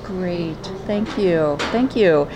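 A woman conducting an oral history interview, warmly affirming answers and asking questions. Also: lowish voice, very slow, crowd noise. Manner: encouraging, affirming. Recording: noisy background hiss.

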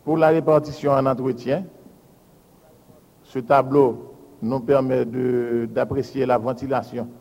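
A man, a public works official giving a formal budget presentation and reading out lists of figures in a measured, deliberate way. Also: medium pitch, steady tone, a little mellow. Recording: hall with long reverb.

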